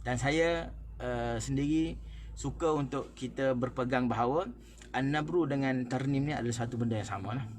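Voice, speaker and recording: A man with a Malaysian Malay accent teaching a recorded Quran recitation class, explaining word stress and then slowly chanting verses to demonstrate it, with frequent fillers and self-corrections. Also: medium pitch, a little hiss or hum. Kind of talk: recorded online tajwid class.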